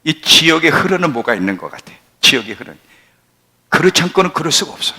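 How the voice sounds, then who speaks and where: A man in his sixties preaching a sermon as pastor, emphatic, swinging from near-shouts down to low, quiet asides. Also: very animated, quick pace. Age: 60s.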